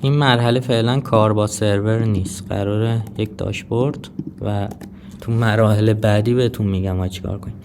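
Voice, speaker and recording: A man's voice: fairly low pitch, fairly even intonation, noisy background. A man giving a casual screen-recorded tutorial, talking viewers through each step with frequent hesitations and filler sounds. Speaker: crypto tutorial presenter.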